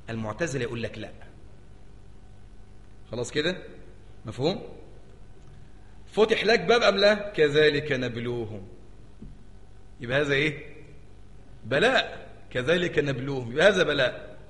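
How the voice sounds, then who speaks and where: A man's voice: fairly high pitch, normal speed, pauses often. A man with an Egyptian Arabic accent, a sheikh giving a religious lecture and keeping his audience engaged with rhetorical questions. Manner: animated, keeps asking the audience rhetorical questions. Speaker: sheikh teaching jurisprudence. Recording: echoey hall with long reverb.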